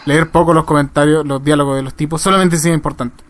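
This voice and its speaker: A man with a Chilean accent giving crude, excitable let's play commentary, swearing constantly as he plays a game. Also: a little high, fast talker. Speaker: gamer.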